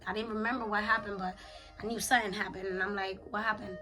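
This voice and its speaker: A woman's voice: mid-range voice, fairly even intonation, quick pace, music in the background. A woman talking candidly in a confessional vlog, with a raw, unfiltered, sweary and slangy way of speaking. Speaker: vlogger, spiritual journaler.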